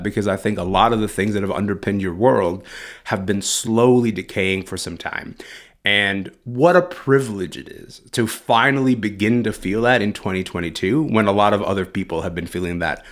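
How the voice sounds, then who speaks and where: A man from Sudan, a culture writer, speaking as an interview guest in a thoughtful, reflective way with frequent "um" and "like". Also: on the low side. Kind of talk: interview over the phone or remote line.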